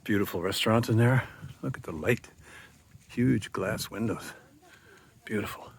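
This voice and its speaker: A man narrating a casual walking tour of an old fortress outdoors, rambling with many pauses and fillers, recorded on a handheld camera mic. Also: lowish voice, gravelly, breathy edge. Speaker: tour guide vlogger.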